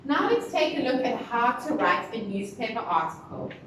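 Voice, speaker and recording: A woman teacher giving a recorded lesson to young pupils, speaking slowly and stressing syllables as she teaches new words. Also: fairly high pitch, big pitch swings, distant mic. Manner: slow, deliberate, stressing syllables. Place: classroom with a board. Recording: very echoey room, voice from the mic, clear background noise.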